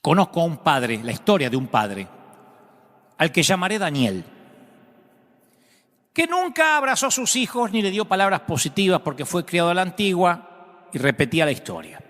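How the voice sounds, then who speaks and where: A man preaching a storytelling sermon, impassioned, swinging from dramatic rises to hushed drops. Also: fairly high pitch, big pitch swings, normal speed, pauses often. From Argentina. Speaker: pastor. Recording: long reverb of a large hall.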